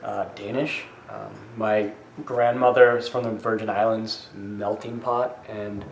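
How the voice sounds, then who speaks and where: A young man from Colorado answering interview questions slowly, listing things with pauses. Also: lowish voice, flat delivery, creaky, a little hiss or hum. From Denver, Colorado. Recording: echoey room.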